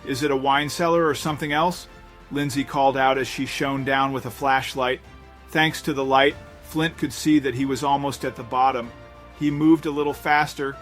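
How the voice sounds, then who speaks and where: A man reading a scripted story as narrator, in a steady storytelling manner. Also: mid-range voice. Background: faint background music.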